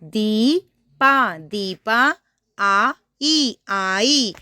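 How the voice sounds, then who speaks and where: A woman teaching a first-grade reading lesson, saying each word slowly and twice, then explaining to the child with questions. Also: fairly high pitch, expressive, sharp tone, clear, resonant tone, no echo, clean studio sound. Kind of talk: primary school reading lesson.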